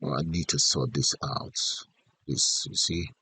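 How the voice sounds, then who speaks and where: A man giving an unscripted software tutorial as an instructor, thinking aloud in short instructional fragments. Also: a bass voice, fairly even intonation, measured pace, husky, no room sound. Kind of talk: unscripted step-by-step screen tutorial narration.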